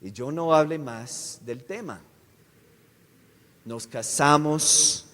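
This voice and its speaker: A man giving a sermon testimony as a visiting missionary speaker. He speaks haltingly, restarts his words often and keeps checking with the audience. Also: on the high side, a bit bright. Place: church sanctuary. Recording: long echo of a large church hall.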